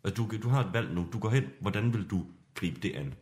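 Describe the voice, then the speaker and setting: A man hosting a podcast as game master, narrating an improvised adventure in a hushed, suspenseful way. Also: lowish voice, expressive.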